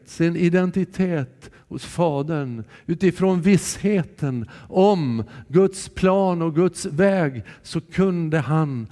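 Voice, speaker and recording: Male preacher, higher-pitched, earnest sermon delivery, long church reverb. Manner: calm, earnest, shifting between soft and raised voice.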